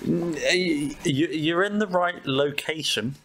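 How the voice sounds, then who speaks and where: A man's voice: fairly high pitch, slow pace, fairly bright tone. A man, co-hosting a travel podcast and quizzing his friend on slang with dry, teasing humor. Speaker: podcast co-host. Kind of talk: casual chat, quizzing on slang.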